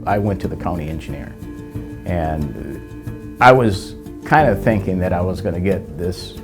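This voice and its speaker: A man's voice: low-pitched, lively intonation, a little slow, over music. An American man, a politician, answering conversationally in a news interview. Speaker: state senator interviewee.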